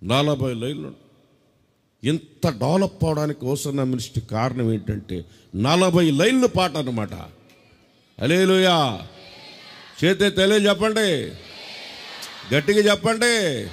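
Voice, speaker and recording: A man with a Telugu accent preaching to a congregation in a lively, animated voice that sits fairly high. He teases the crowd, quizzes them and calls for loud responses. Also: moderate pace, long reverb tail. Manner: lively, teasing, quizzes the crowd and breaks into song. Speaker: pastor. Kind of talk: sermon with congregation call-and-response.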